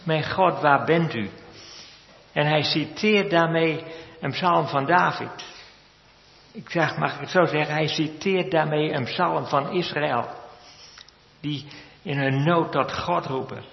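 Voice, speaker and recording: A man preaching a sermon in a church, slow and measured with solemn repetitions. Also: a little high, gravelly. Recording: echoey church hall, lo-fi sound.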